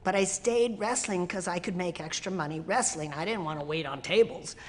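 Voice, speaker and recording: A woman guest, an actress and stuntwoman, telling lively anecdotes and acting out other people's lines. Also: fairly low pitch, fairly quick. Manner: animated, acts out other people's voices. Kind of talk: storytelling interview. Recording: long hall reverb.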